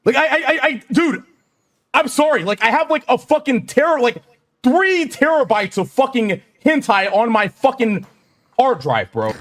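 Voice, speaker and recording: A man's voice: extremely high pitch, big pitch swings, moderate pace, a bit bright. A man talking casually on a stream, defensive and exasperated, swearing and repeating himself.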